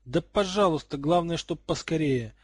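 A furious teenage wizard boy yelling in raised, frantic bursts, as a man reading a storybook puts him on. The voice sits high and husky and sounds dry and close. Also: normal speed, dry recording. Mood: irritated. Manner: shouting, angry and frantic. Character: hot-tempered teenage boy wizard, snake-lover.

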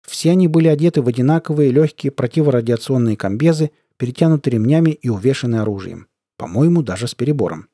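A man narrates a first-person audiobook in a measured, even way. His voice is mellow and warm, at a middle pitch. The recording is dry and close. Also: no room sound.

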